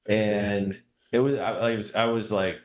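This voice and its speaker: Low-voiced man in a roomy space. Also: flat delivery, a little slow. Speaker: guest, book publisher. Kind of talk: casual conversation. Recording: roomy, echoing sound.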